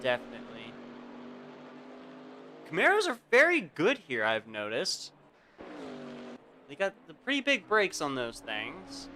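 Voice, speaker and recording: A man hosting a live sim racing stream, giving casual race commentary and chatting directly to his viewers. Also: a little high. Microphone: home streaming mic. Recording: game car engine noise behind voice. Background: racing game engine and track sounds.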